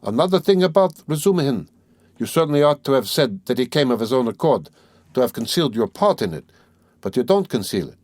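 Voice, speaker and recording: A man's voice: mid-range voice, big pitch swings, brisk, darkish tone, no echo, clean studio sound. A man voicing a sly, genial middle-aged examining lawyer who talks in a fussy, teasing way, in an audiobook reading. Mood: sly, chatty.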